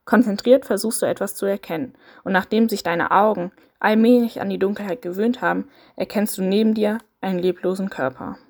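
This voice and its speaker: A woman's voice: medium pitch, brisk, few pauses. Woman narrating a second-person story. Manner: dramatic storytelling.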